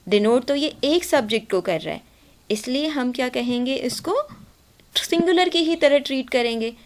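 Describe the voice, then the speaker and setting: A woman's voice: sits high, expressive, normal speed. A woman with an Indian accent teaching a grammar class. She explains patiently, switches between Hindi and English and keeps checking that students follow.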